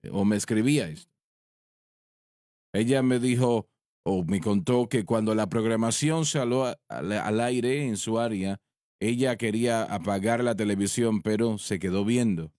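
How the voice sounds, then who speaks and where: A low-voiced man speaks as a preacher on a ministry panel. He tells his story slowly and deliberately, pausing and restarting now and then. The sound is dry and close. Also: darkish tone, no room sound. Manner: slow, deliberate, with pauses and restarts. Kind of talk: sermon-style storytelling in a panel discussion.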